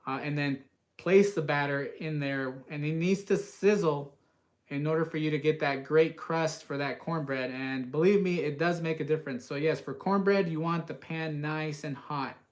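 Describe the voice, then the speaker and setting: Male live-stream cooking host, West Coast, slightly higher voice, loose and chatty with filler words. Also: moderate pace. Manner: casual, rambling, many uhs, reads viewer comments aloud.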